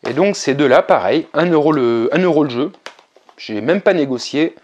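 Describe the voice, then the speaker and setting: A man narrating a casual vlog, relaxed and chatty, with frequent hesitations. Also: on the high side, moderate pace, dull audio. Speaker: video game collector vlogger.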